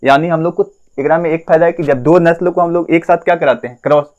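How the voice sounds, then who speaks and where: A man's voice: fairly high pitch, steady tone, fast, darkish tone, highs cut off. A man teaches a class at a board. He keeps asking the class questions, answers them himself and repeats each key term.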